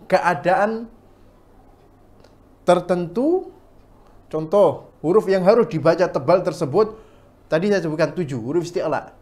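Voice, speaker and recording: Man with a higher voice teaching recitation to a class; draws out sounds, then corrects. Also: darkish tone. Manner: demonstrates sounds slowly, then corrects firmly.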